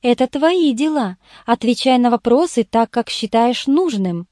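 A woman's voice: on the high side, measured pace, no echo, clean studio sound. A woman reading the lines of a cold, composed schoolteacher in an audiobook. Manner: even, contemptuous.

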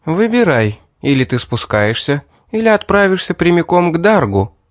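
A man's voice: a little high, very animated, normal speed, dry recording, clean studio sound, pitched above the performer's own voice. A man voicing a scheming young woman from a fantasy audiobook who coaxes, mocks and threatens. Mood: threatening. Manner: mocking, coaxing and threatening. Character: scheming young woman, sweetly coaxing and cold.

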